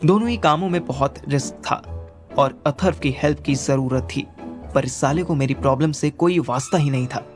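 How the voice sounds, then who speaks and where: A man's voice: on the high side, normal speed, soft background music. A young man narrating a first-person audio story in a wry, casual manner.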